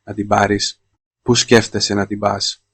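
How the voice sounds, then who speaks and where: A man voicing an angry, protective middle-aged father in a storybook, speaking low and cutting. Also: level tone, fairly bright tone, husky, no room sound. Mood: cold anger.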